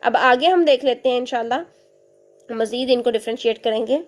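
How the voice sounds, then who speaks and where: Woman teacher, higher-pitched voice, patient, step-by-step explanations with frequent check-ins. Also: a little fast. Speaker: Quran recitation teacher.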